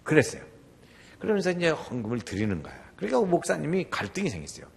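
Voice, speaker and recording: Gravelly, animated older pastor man. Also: a little high, quick pace. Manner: animated, acts out quoted voices. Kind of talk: sermon.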